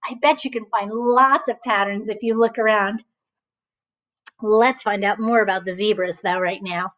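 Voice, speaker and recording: Reading a picture book to young kids in the manner of a teacher, this woman sounds animated and supportive, often stopping after questions to let them reply. Her pitch sits in the middle range.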